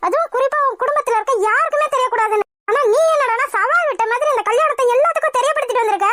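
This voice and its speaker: A woman's voice: very high voice, racing. A woman with a Tamil accent voicing several characters in a cartoon, scolding and bickering.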